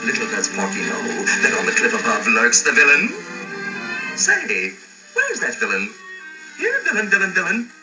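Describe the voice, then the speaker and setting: Hammy, wildly swooping cartoon narrator. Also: male voice, mid-range voice, wildly swooping pitch, normal speed. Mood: chummy, playful. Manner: hammy, grandiose, with chummy asides to the audience. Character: breathless, mock-dramatic male narrator of a western spoof. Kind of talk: melodramatic 1930s radio serial narration parody. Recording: distant vintage 1930s cartoon soundtrack, loud music.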